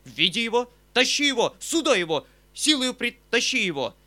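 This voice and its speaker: A man voicing an excitable elderly uncle, a retired hussar colonel, speaking in impassioned exclamations. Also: on the high side, measured pace, voice pushed up, close to an everyday voice. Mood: furious.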